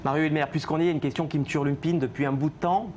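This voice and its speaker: A man's voice: a little high, fast talker, slight background noise. Upbeat male TV magazine host. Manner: lively, polished presenter delivery. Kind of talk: scripted presenting and live interview.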